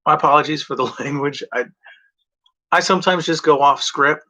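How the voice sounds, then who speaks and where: A man's voice: fairly high pitch, moderate pace, sharp tone. A man rambling casually and off script in a vlog, meandering between stories and swearing freely. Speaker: vlogger. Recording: dull lo-fi recording.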